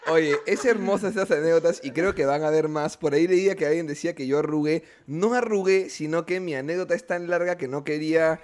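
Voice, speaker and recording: A man hosting a comedy podcast, telling stories in brisk, jokey casual chat. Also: fairly high pitch, darkish tone, a little hiss or hum.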